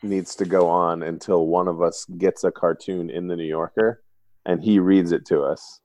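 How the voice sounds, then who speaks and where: Deep, dry-voiced man with deadpan humor. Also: normal speed. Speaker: podcast co-host. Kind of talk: casual podcast chat.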